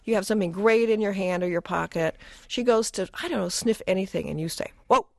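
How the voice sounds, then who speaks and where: A woman co-hosting a call-in radio pet show, giving lively behavior advice and laughing easily as she acts out scenes. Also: medium pitch, fast talker, creaky, no echo. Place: radio studio.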